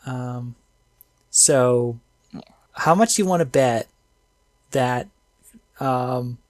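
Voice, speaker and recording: A man chatting casually about an anime episode, excitable and slangy, full of fillers. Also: medium pitch, drawn-out words, no room sound, studio quality. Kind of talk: casual anime review chat.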